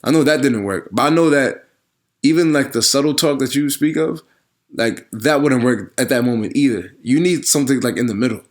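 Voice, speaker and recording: Man podcast co-host, defensive, stumbling restarts, mid-pitched. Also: a little fast. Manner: defensive, restarts often, laughs while explaining. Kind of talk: casual couple's argument.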